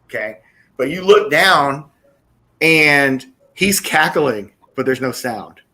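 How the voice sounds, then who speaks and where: A man's voice: fairly high pitch, lively intonation, takes it slowly, bright, forceful tone. A man running a tabletop game as dungeon master, talking casually and swearing freely.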